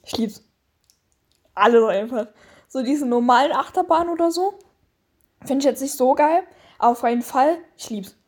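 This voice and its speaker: A woman's voice: high-pitched, moderate pace, long pauses. A woman in casual chat with a friend, eager and gushing, sometimes stumbling over words. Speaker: co-host.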